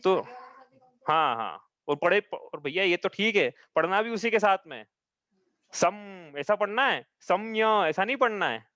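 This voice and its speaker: Teacher, male, fairly high voice, dry and slightly muffled recording, patient and repetitive. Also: sing-song, pushed and bright, no echo. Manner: patient, repetitive, checks understanding often; chants verses slowly. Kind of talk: live class explanation. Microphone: own mic, audio only.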